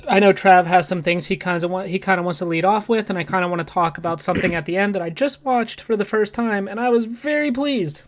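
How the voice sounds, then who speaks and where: A man's voice: high voice, steady tone, fast, hardly any pauses. A man co-hosting a podcast, opening the episode in an easygoing, laid-back way. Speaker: podcast co-host. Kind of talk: casual podcast intro.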